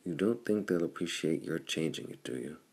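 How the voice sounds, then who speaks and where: Male reader as a big, bald, scornful pirate heavy: low, rumbling, husky. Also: expressive, brisk, a little mellow, exaggerated voice. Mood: gruff. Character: big bald pirate lieutenant, adult male, gruff and blunt.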